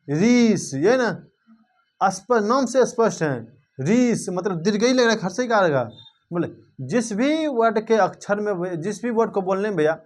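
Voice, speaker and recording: Young guy w/ ish teaching grammar, fairly high voice, keeps asking students if it's clear. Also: a little mellow. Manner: informal, addresses students directly with quick check-ins. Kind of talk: blackboard grammar lesson.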